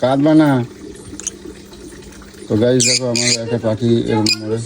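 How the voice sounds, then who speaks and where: A man, talking casually in a family vlog and gently consoling a child. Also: mid-range voice, steady tone, normal speed. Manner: soothing, consoling a crying child. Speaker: vlogger. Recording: noisy home recording.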